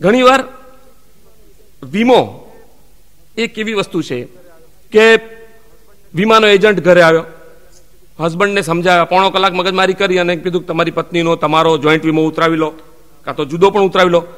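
Comic storyteller, male, high and bright, switches voices for his characters; reverberant stage recording. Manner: acts out the characters in his jokes with quick voice shifts. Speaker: stand-up comedian telling jokes. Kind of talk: Gujarati joke telling.

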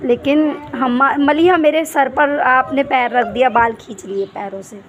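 Mother chatting at her kids, slightly high. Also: a little slow, highs cut off. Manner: scolding and cooing at small children. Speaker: vlogger mother. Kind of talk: casual family vlog chat.

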